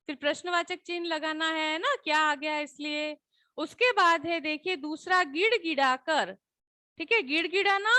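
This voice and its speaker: A woman's voice: very high-pitched, sharp tone, dry recording, clean studio sound. A woman teacher explaining a Hindi lesson to schoolchildren, patient, repeating questions and often asking "है ना?" to check they follow.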